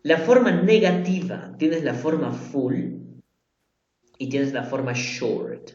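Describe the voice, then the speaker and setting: Slow, patient man teaching a class. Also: fairly high pitch, animated, darkish tone. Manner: patient, repeats example phrases and asks the class questions. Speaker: English teacher. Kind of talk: live online language class. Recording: echoey room, dull lo-fi sound.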